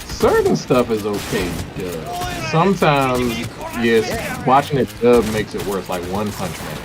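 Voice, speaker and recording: A man co-hosting a casual chat about anime, opinionated and animated. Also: mid-range voice, unhurried, music in the background. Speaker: podcast co-host.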